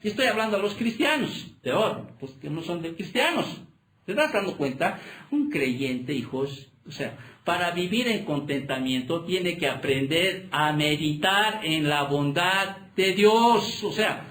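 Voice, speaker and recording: A man's voice: a little high, expressive, a little slow, a bit bright. A man, a pastor, preaching a sermon and pressing the congregation with constant rhetorical questions. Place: church hall. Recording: echoey church hall.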